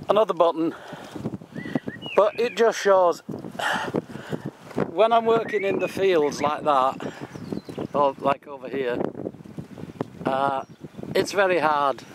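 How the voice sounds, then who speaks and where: A British man talks at an unhurried, easy pace, chuckling now and then as he comments on what he finds. He is out of doors on a windy site, with a faint hiss of wind behind his voice. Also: medium pitch. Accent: British English. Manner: chuckles often, unhurried and self-mocking. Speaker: metal detectorist vlogger. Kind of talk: casual running commentary while detecting. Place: outdoors on a windy building-site spoil heap. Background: wind noise.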